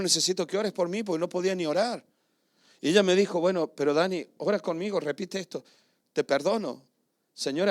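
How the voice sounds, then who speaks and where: A middle-aged male pastor, preaching a sermon and telling personal stories with emotion, swinging between loud and hushed. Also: on the high side.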